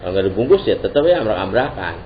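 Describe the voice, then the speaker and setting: A man's voice: lowish voice, quick pace. A man giving an informal Islamic religious lesson, joking in casual slang. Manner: casual Jakarta-slang preaching, lively and joking. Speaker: Islamic teacher. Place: religious gathering hall. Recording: dull lo-fi recording with faint hiss.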